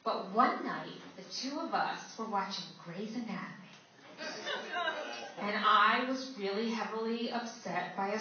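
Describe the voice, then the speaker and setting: A woman doing stand-up comedy, telling stories with sarcastic exasperation. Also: mid-range voice. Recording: echoey, distant, dull, noisy live recording.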